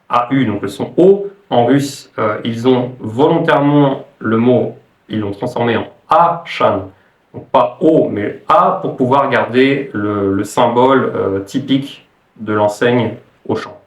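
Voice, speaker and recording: A man with a mid-pitched voice explains things like an informal language teacher. He hesitates and thinks aloud as he goes, recorded in a clearly echoey room. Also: distant mic.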